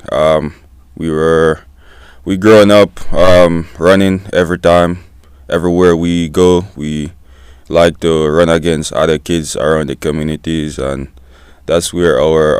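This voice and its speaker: A Jamaican man in his twenties, a student-athlete guest giving short, soft-spoken answers in a casual interview. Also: rumbling low, flat delivery, a little slow, smooth, dry recording, clean studio sound. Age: 20s.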